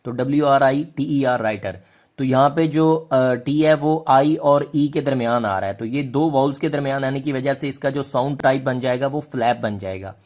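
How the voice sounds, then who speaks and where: Male teacher with a Pakistani Urdu accent, mid-pitched, explanatory lesson with hesitant, questioning delivery. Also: normal speed, darkish tone. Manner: rhetorical questions, many hesitations. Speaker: linguistics teacher.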